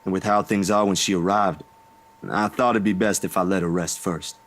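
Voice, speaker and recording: A man voicing a drowsy young man woken too early, talking in a plain, rough everyday way. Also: deep voice, steady tone, normal speed, fairly bright tone. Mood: earnest. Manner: drowsy, grumbling, then earnest. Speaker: character dialogue in a visual novel voice dub.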